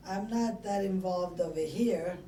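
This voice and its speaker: Speaking with an Italian accent in a warm, fairly low voice, an elderly woman from Italy reminisces during an interview. She grew up with an Italian dialect and chats haltingly through her life stories. Background noise and echo fill the room, picked up by a far-off microphone.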